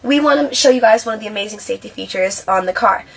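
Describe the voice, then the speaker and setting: A woman presents a safety training video, explaining and demonstrating for viewers in an instructional walkthrough style. Her mid-range voice is fairly bright and quick, but the mic is distant and the ambience clearly noisy.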